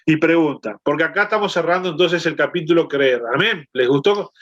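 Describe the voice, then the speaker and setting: A man's voice: a little high, brisk, a bit bright, muffled recording. Man teaching over a call. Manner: explanatory, checks in with listeners. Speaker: Bible study teacher. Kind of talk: conversational Bible lesson.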